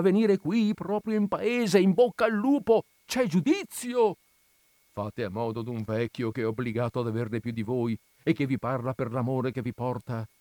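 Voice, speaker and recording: A man's voice: mid-range voice, a little mellow, no echo, natural voice. A man voicing a fearful, fretful old village priest who pleads in anxious, rising alarm. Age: older.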